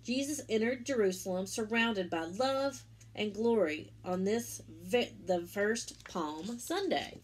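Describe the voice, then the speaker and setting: A woman with a medium-pitched, slightly rough voice reads aloud from a religious picture book for children. She plays a story-time teacher, pausing now and then to give simple explanations to her young audience.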